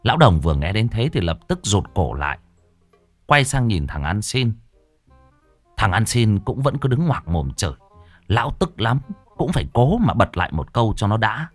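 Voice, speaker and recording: A man narrates a story in a low voice full of lively rises and falls. His telling is earthy and colorful. The sound is dry and close-miked, with faint music behind. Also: normal speed, dry recording.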